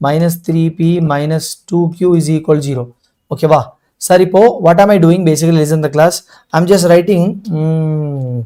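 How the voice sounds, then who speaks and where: A man's voice: fairly high pitch, dark tone. A man with a Tamil Indian accent teaching an exam-prep maths lesson, constantly throwing out questions and checking that students follow. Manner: repeatedly questioning, checking understanding.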